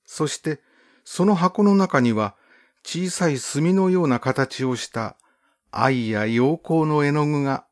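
A man reading a first-person literary story aloud in a measured, gently expressive storybook narration. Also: fairly high pitch. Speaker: audiobook narrator.

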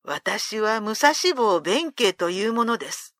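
A woman doing a big gruff warrior monk. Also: mid-range voice, sing-song, unhurried, a bit bright, no echo, clean studio sound. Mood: humble. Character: huge fierce warrior monk, later humbled.

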